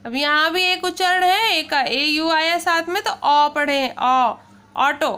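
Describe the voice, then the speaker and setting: A woman's voice: very high voice, pushed and bright. A woman teaching pronunciation to children, spelling words out letter by letter and often checking in with "okay". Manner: addresses listeners as children; slow, careful explaining. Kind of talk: classroom-style lesson.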